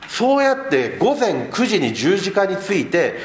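A man's voice: high voice, big pitch swings, a little slow, slight background noise. A man preaching a sermon as a pastor, explaining the text and asking rhetorical questions of the congregation. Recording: echoey room.

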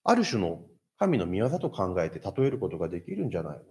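A man's voice: low voice, fast talker. A man preaching a sermon as pastor, asking the congregation rhetorical questions. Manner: lively, asks the listeners rhetorical questions.

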